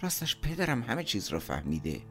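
A man voicing a shy young woman who speaks softly and hesitantly in an audiobook. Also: mid-range voice, wildly swooping pitch, faint music behind, voice pushed up, heavily acted.

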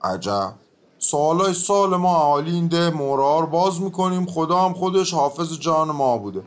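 A man voices a stubborn old-world peasant facing a judge, evasive and set in his ways. His voice sits a little high, and he grumbles and mumbles his answers in rustic talk. It is a radio drama. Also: animated, lightly acted.

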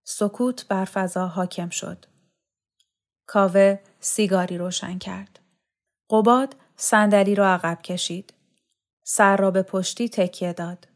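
A woman narrating a novel aloud as an audiobook reader, calm and measured. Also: medium pitch. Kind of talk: scripted literary narration.

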